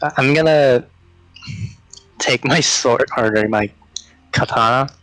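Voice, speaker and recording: A man playing a tabletop role-playing game, speaking casually and thinking aloud in a hesitant, deliberate way. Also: mid-range voice, fairly bright tone, dry recording, poor audio.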